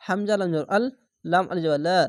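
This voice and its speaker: A man teaching Quran reading, spelling each word letter by letter and then stretching out the whole word slowly. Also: high voice, no echo, studio quality. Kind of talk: spelling-out recitation lesson.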